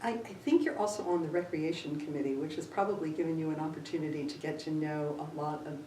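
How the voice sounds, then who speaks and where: A woman interviews local candidates for town office in a gracious, complimentary manner. Her low, mellow voice is picked up from across a library room. It echoes and carries a faint hum. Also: recorded from a distance. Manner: gracious, complimentary, slow-paced.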